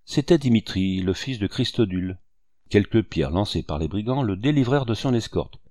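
A man narrating a classic novel as an audiobook, measured and expressive. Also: lowish voice, no echo, studio quality.

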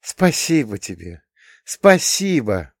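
A man's voice: mid-range voice, sing-song, takes it slowly, no room sound, clean studio sound, voice pushed up, heavily acted. A man reading an audiobook and voicing an impulsive, heartfelt woman friend. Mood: earnest.

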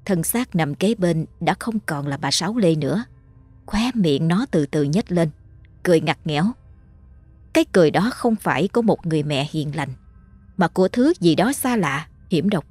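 A woman narrating a horror story in a measured, ominous storytelling voice. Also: sits low, animated, darkish tone, slightly rough, no echo, soft background music.

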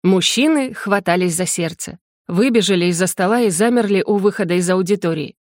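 A woman calmly reading a first-person audiobook narration. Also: mid-range voice, brisk, no room sound, clean studio sound.

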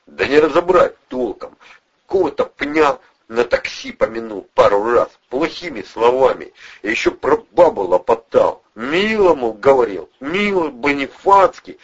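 Man doing rough threatening young thug. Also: mid-range voice, sing-song, unhurried, lo-fi sound, voice pushed up. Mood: mocking. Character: tough young male ex-boxer thug, blunt.

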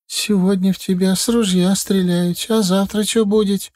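Мужчина-чтец озвучивает встревоженную, плачущую мать средних лет, которая причитает и умоляет высоким голосом. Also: male voice, steady tone, moderate pace, darkish tone, dry recording, studio quality, natural voice. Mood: anxious. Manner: wailing, pleading, high-pitched. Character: anxious tearful middle-aged mother, fussing.

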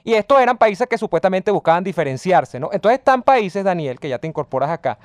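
A male radio co-host with a smooth, resonant voice that sits slightly high for a man. He reads listener messages and talks politics with rising emphasis. The studio sound is close and dry. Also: sing-song, quick pace, dry recording. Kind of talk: casual radio talk and political commentary.

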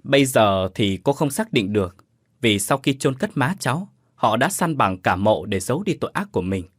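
A man voicing a sorrowful, calm older woman in a storybook ghost tale, speaking slowly and solemnly. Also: mid-range voice, dry recording, clean studio sound, natural voice. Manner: slow, solemn, measured.

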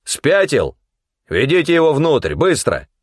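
A man's voice: a little high, sing-song, fairly quick, darkish tone, dry recording, studio quality, pitched above the performer's own voice. A man voicing a stern, commanding older male gang leader who barks orders. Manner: barking orders.

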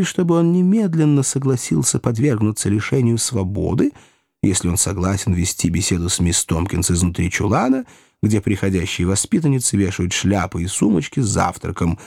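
Animated male audiobook narrator, gravelly. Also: on the low side, no echo, clean studio sound. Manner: lively, theatrical reading. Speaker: audiobook reader. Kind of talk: expressive scripted narration.

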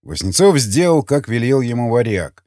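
A man narrating an audiobook in an expressive reading style. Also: mid-range voice, normal speed, no room sound, studio quality. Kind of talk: scripted narration.

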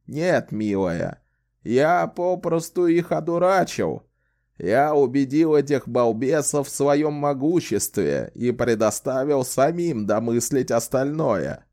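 A man voicing a sly, wry old male wizard who talks in a slow, theatrical, teasing way in an audiobook. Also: mid-range voice, darkish tone, pitched above the performer's own voice. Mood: amused. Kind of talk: audiobook character voice.

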